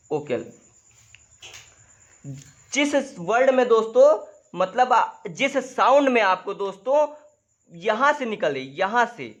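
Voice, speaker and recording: A man teaching English grammar in a lesson, who keeps calling the viewers "friends", asks if they follow, and spells out example sentences slowly, word by word. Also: sits high, fairly bright tone. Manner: repeats "dosto" and "theek hai" constantly, drawing on a board. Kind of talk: classroom-style grammar lesson.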